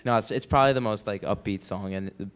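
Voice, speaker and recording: A man's voice: fairly low pitch, fast talker, clean tone. A young man in a band, guesting on a college studio show and chatting in a playful, joking way. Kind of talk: casual interview chat.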